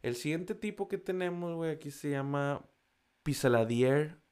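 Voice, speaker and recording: A vlogger speaking slangy, profane Spanish with a Mexican accent chats casually while reading a list, stumbling over foreign food names. His fairly high voice is expressive, smooth and a little mellow, at a moderate pace.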